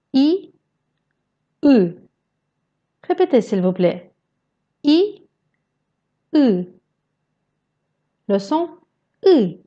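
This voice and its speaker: A woman teaching Russian vowels in a slow pronunciation lesson, carefully modelling each sound. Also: a little high, mellow, lo-fi sound.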